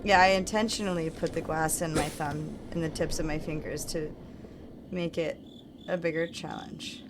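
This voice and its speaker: A woman's voice: sits low, fairly even intonation, normal speed. A woman giving casual live commentary as she streams a game, playful and self-deprecating. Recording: music playing behind the voice.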